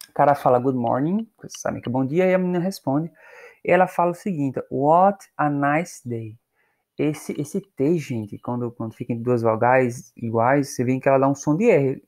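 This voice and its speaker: A man's voice: medium pitch, a little mellow. A man with a Brazilian Portuguese accent teaching English in a recorded lesson, patiently explaining phrases and checking in with his students. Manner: slows down to model English phrases.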